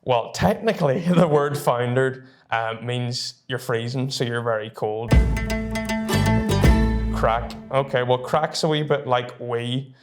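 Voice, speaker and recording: A man's voice: mid-range voice, takes it slowly, over music. Young Northern Irish man, casual and chatty. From North Down, Northern Ireland. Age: early 20s. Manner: informal, chatty. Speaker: university student presenter. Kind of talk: casual explainer to camera.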